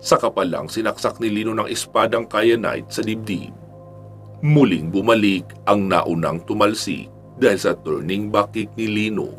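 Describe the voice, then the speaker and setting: A man with a low voice narrates a serialized action story in a steady, even delivery. Soft music runs faintly beneath his narration. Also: moderate pace. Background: faint background music.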